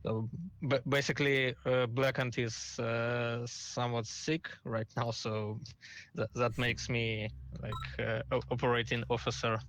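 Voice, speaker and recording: A man chatting casually as a guest on a livestream, speaking in a halting, hesitant way. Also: mid-range voice, flat delivery, a bit bright. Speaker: guest, community tournament official and stream helper. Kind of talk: casual livestream interview chat.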